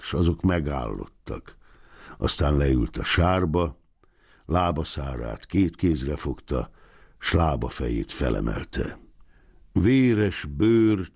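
Young guy reading a short story out loud, very deep gravelly voice, husky, pitch swings a lot. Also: dry recording, studio quality. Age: young adult. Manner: measured, expressive storytelling. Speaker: audiobook narrator. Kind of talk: audiobook narration of a short story.

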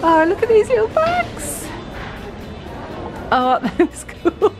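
A middle-aged British woman vlogging from a big store, chatting excitedly about items and their prices. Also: very high voice, slow pace. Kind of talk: shopping vlog walkthrough. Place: large busy store indoors. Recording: store music and crowd noise behind.

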